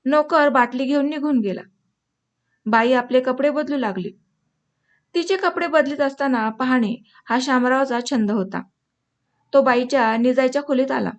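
A woman narrating an audiobook story in a measured, expressive reading voice. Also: high-pitched, highs cut off. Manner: measured, expressive reading, addresses listeners at the end.

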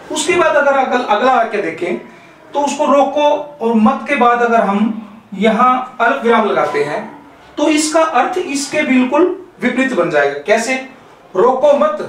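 A male school teacher giving a lesson to children, explaining slowly and patiently with everyday examples. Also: high voice, slight background noise. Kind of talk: classroom lesson. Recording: very echoey room, voice from far off.

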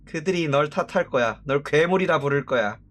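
A man voicing a sinister unseen male tempter who coaxes a child in a low, slow, menacing tone while reading horror game subtitles. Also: animated, fairly bright tone, a little hiss or hum. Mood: coaxing, sinister.

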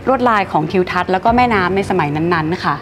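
A woman in her thirties presenting auction highlights in a polite, informative scripted manner, recorded in a gallery showroom with glass display cases. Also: fast talker, slight background noise. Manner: polite, informative, frequent soft sentence-final particles. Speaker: auction specialist. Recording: clear music bed behind voice.

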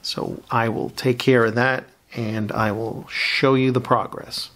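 A middle-aged scale model builder who hosts a channel gives a casual build review of a model kit from his home hobby desk, picked up by a desk webcam. His even, middle-pitched voice moves at a measured pace, relaxed and chatty, with lots of ums and uhs.

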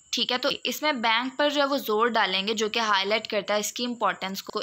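A woman giving an exam-prep lecture, explaining step by step, checking in with the learners and reading example sentences slowly. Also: fairly high pitch, pushed and bright. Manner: reads English example sentences slowly and deliberately. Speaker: online tutor.

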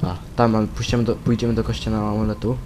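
A young man giving casual commentary over a stealth game he is playing, rambling to himself, swearing and sometimes bursting into loud shouts. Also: fairly low pitch, little pitch movement, fast talker, background noise. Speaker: let's play gamer.

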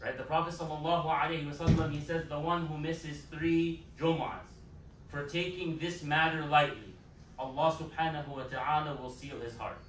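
A man's voice: a little high, steady tone, moderate pace, slight background noise. A man giving a Friday sermon as imam in a mosque, emphatic and repeating his key phrases. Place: mosque prayer hall. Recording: echoey hall, mic far off.

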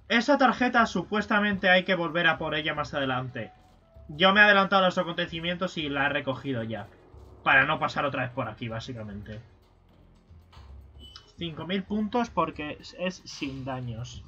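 A man giving casual let's-play commentary, swearing and yelling at enemies as he plays. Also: a little high, animated, moderate pace, pauses often. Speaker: gaming streamer. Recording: slightly dull stream audio with game music.

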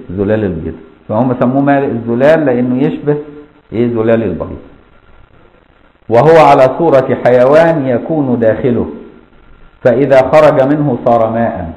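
A man's voice: mid-range voice, dark tone, roomy sound, highs cut off. A man with an Egyptian accent teaching a lesson on a classic legal text, explaining step by step and asking his students rhetorical questions. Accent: Egyptian Arabic. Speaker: Islamic law teacher.

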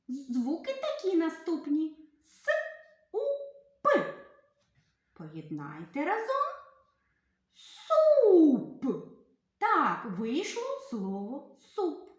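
A woman teacher giving a literacy lesson to young children, spelling out sounds slowly and asking questions she then answers herself. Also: mid-range voice, heavy reverb. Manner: slow, sing-song, carefully spelled-out sounds.

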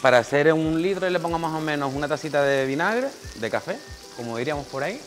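Faint music plays behind this man, a chef teaching a cooking class in a small kitchen. His voice sits a little high, and he talks fast and animatedly while practically walking his assistant through each step.

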